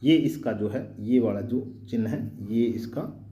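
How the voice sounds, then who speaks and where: A male teacher hosting his own channel, explaining grammar slowly and patiently and repeating example phrases with changing stress. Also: mid-range voice, mellow, lo-fi sound. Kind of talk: explanatory Hindi grammar lesson.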